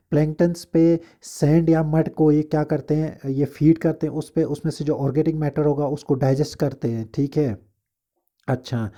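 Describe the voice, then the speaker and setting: एक पुरुष जीवविज्ञान शिक्षक, जो हिंदी और अंग्रेज़ी मिलाकर लेक्चर देता है, बातें दोहराता है और बार-बार "ठीक है" कहता है।. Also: male voice, fairly high pitch, mellow. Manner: repeats points, constant "theek hai" checks; slows down to read English lines from a diagram. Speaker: biology teacher. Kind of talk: classroom lecture mixing Hindi and English.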